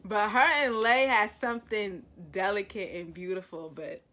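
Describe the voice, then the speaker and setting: A woman vlogger giving her opinions on a series in an animated, chatty, opinionated way. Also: medium pitch, normal speed. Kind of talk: casual review chat.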